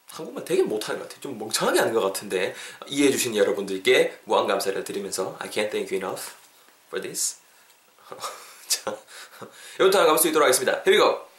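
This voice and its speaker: A man hosts a casual spoken English lesson, upbeat and animated. He drills short phrases slowly so listeners can repeat them. The voice sits at a middle pitch, and the small room adds a noticeable echo. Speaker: English teacher and podcast host. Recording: echoey room.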